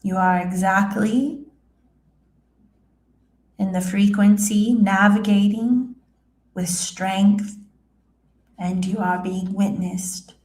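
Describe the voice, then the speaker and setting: Seance medium woman as serene spirit guide: solemn, halting, drawn-out pacing, echoey room. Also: mid-range voice, a little mellow, lightly acted. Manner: halting, solemn, measured, with hums and long pauses. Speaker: trance channeler, seance medium. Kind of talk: trance channeling, addressing listeners as a spirit. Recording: roomy, echoing sound.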